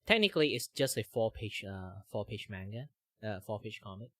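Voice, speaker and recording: A man's voice: fairly low pitch, moderate pace, no room sound, clean studio sound. A young man with a tired, strained voice and Mandarin as his first language, chatting loosely on a stream with lots of fillers. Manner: relaxed, rambling with many fillers. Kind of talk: casual livestream chat.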